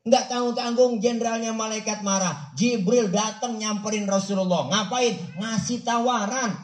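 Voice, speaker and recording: A man's voice: high voice, moderate pace. A man with a Betawi accent giving a humorous mosque sermon, telling stories in a folksy, joking way. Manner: joking, folksy, lively storyteller. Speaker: preacher. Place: mosque hall. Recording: roomy mosque hall.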